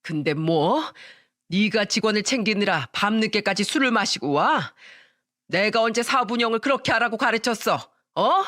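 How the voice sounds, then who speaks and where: A woman's voice: mid-range voice, normal speed, fairly bright tone, no room sound, clean studio sound, close to an everyday voice. Woman voicing a stern, scolding father-in-law. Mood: furious scolding. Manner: scolding, raised voice. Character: angry older man, a stern father-in-law.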